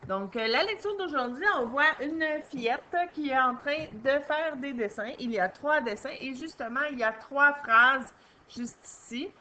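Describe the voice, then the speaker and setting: A woman's voice: sits high, lively intonation, measured pace, sharp tone. A woman with a Québécois French accent teaching young children to read, patiently sounding out syllables one by one. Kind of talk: early reading lesson for young children.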